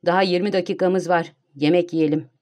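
A woman voicing a cocksure, mocking male gentleman thief in an audiobook, teasing like a showman. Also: lowish voice, fairly even intonation, fairly quick, close to an everyday voice. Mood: breezy.

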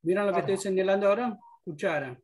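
A man with a high, fast, darkish voice teaches an English class online, patiently walking through pronunciation rules one step at a time.

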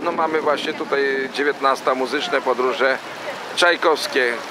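An amateur guide narrates loosely while filming from a little boat on a city river, chatting, rambling, using fillers and correcting himself. His voice is mid-range and a touch slow. Heavy wind and the boat's engine roar through the recording.

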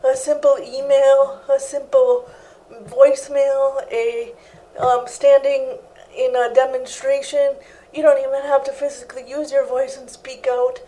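A woman's voice: high-pitched, little pitch movement, a little slow, warm tone, low-quality recording. A young woman guest in an interview, talking earnestly and steadily about her own life in a living room set, on a lapel mic. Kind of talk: interview answers.

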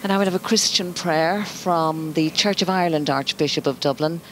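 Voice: mid-range voice, fairly even intonation, normal speed, fairly bright tone, rough recording. A broadcast commentator giving formal, informative introductions during live coverage of a ceremony. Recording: faint ceremony background noise.

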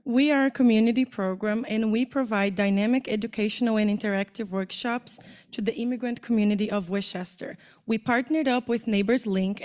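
A young woman from Brazil presents her program in an auditorium. She sounds friendly and upbeat, with a voice in the middle of the usual pitch range. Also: a little mellow. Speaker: student presenter. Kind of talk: student presentation. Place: auditorium stage.

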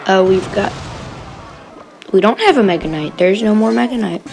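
A woman's voice: mid-range voice, lively intonation, a little slow, vocal fry, darkish tone, a little hiss or hum, low-quality recording. A woman giving chatty, giggly commentary over her gameplay, recorded afterwards.

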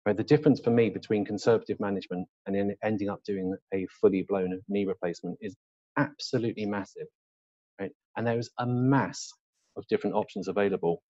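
A middle-aged man with a lowish voice delivers a live lecture as an orthopaedic surgeon. He talks emphatically and bluntly, throwing in rhetorical questions and dry humour. The sound is dry and slightly muffled. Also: a little fast, mellow, no echo. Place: hospital lecture room with a live audience.

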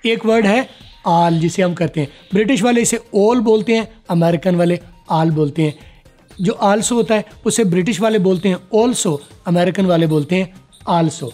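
A man explaining English pronunciation in a short lesson, repeating example words slowly in pairs to compare them. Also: high voice, darkish tone, faint music behind.

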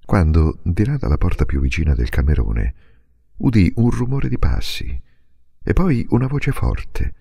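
Deep gravelly dramatic male narrator. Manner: dramatic, expressive reading. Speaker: audiobook reader. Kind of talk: interpretive audiobook narration.

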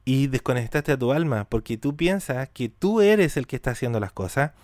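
A man leads a spiritual lesson on mysticism, putting rhetorical questions to his listeners and repeating words for emphasis. His voice sits at an ordinary pitch for a man. The recording is dry and close, with no room sound. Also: animated, moderate pace, a little mellow, no echo. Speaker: teacher of Hebrew mysticism. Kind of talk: spiritual talk to an audience.

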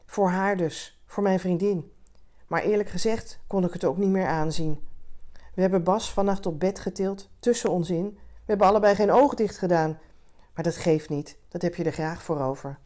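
A woman reads out a rambling man at a bar, hesitant and heartfelt, pouring out his grief in a low, even voice. The tone is close and storybook-like, a man caught up in his sorrow, as a reader puts him on. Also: normal speed, close to an everyday voice. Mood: fond.

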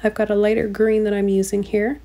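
A woman narrating a painting tutorial in a gentle, encouraging way, with frequent ums and uhs. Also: medium pitch, flat delivery, a little fast. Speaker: painting instructor. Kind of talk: relaxed step-by-step tutorial narration.

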